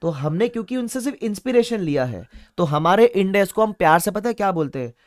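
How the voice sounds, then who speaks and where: A man's voice: high-pitched, lively intonation, fast, no echo, studio quality. A man teaching an online class, repeating key points with playful asides. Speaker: online exam-prep teacher. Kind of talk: lively classroom lecture.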